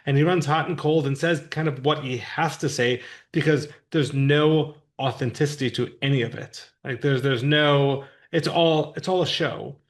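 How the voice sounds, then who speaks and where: A man's voice: a little high, fairly even intonation, normal speed. A man co-hosting a podcast, explaining politics in a casual, thoughtful, plain-spoken way. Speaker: podcast co-host. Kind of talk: casual discussion.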